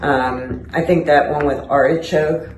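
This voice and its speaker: A woman in a casual chat, musing in a relaxed way. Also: deep voice, measured pace, echoey room, a little hiss or hum, rough recording. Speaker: interviewee.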